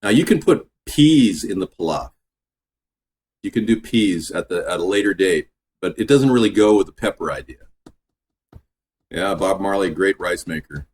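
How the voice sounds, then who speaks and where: Low-voiced man rambling while cooking. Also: normal speed, pauses often, slight background noise. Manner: rambling, drifts off topic mid-recipe; relaxed, filler-heavy talk. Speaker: home cooking host. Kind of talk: casual cooking vlog chat. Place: home kitchen.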